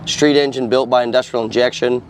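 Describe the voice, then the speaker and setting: A man with a hoarse smoker's rasp, casually walking through the technical details of a truck build. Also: medium pitch, fairly even intonation, fairly quick. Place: outdoors at a truck show. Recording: outdoor car show with faint noise.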